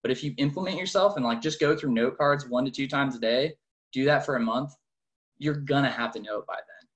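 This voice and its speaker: A man's voice: medium pitch, brisk. A man in his early twenties talking in a casual, motivational way, informal and slangy, often saying "like". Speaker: car salesman in training, military veteran.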